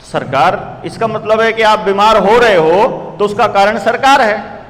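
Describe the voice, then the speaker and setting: A man in his forties giving an impassioned political speech to a small gathering, full of rhetorical questions that rise to shouts. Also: sits high, unhurried, long reverb tail. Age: 40s. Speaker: political speaker.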